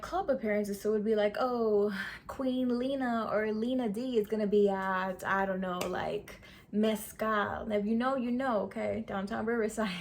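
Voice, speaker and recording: A beauty vlogger in her twenties tells a casual storytime in a chatty, sassy way, full of slang and frequent uses of "sis" and "okay." Her voice is mid-range, with a slight hiss or hum in the recording.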